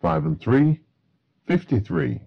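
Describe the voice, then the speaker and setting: Slow, gravelly male bingo caller. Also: fairly high pitch, highs cut off. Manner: formulaic, matter-of-fact bingo caller delivery. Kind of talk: bingo calling, each number announced in a set phrase.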